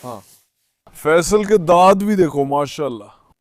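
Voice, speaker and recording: A man's voice: a little high, expressive, takes it slowly, no room sound. A man hosting a farm vlog outdoors, greeting viewers and talking fondly to his animals as if they were his children. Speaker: farm vlogger. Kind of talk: casual vlog narration.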